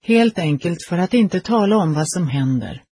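A man's voice: sits high, expressive, a little mellow, breathy edge, no echo, exaggerated voice. A man voicing a big, frightened soldier who has just died, pleading and confused, in a read-aloud story. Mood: anxious. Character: big frightened newly dead male soldier.

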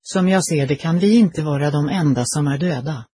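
A man's voice: a little high, warm tone, slightly rough, dry recording, studio quality. A man voicing a big, frightened soldier who has just died, pleading and confused, in a read-aloud story. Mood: anxious. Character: big frightened newly dead male soldier.

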